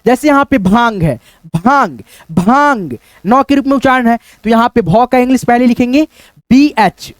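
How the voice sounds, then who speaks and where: A man teaching a whiteboard lesson, spelling out letters slowly and checking in with listeners, sweating as he works. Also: very high voice, animated, no echo. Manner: repeats "friends" and tag questions, spells out letters slowly.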